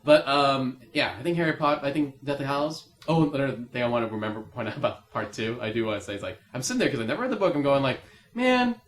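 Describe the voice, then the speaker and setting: A man on a podcast panel, chatting casually and getting excited as he tells a story. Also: medium pitch, rapid-fire, hardly any pauses. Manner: excitable storyteller who builds up to shouting. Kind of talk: casual chat.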